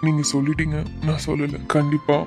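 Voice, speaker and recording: A man voicing a calm young police officer who reassures his friend steadily and kindly, in an animated drama. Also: fairly high pitch, fairly quick, music in the background, close to an everyday voice. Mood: reassuring.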